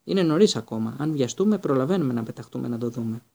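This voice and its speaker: A man's voice: medium pitch, lively intonation, vocal fry, a little mellow. A man voicing a glum, loyal schoolboy in an audiobook, speaking gloomily but earnestly. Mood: glum, eager.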